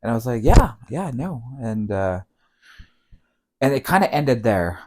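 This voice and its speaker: A middle-aged man speaks as a podcast guest. He tells his story casually, rambling and leaning on fillers. His voice sits at an ordinary pitch for a man. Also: a little slow. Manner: relaxed, rambling with many fillers.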